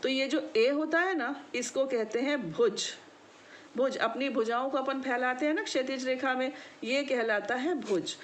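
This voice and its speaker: A woman with a fairly high voice teaches maths at a very unhurried pace, pausing to check that her students follow. She addresses them affectionately as children. A faint hum of background noise sits under her voice. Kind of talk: classroom explanation.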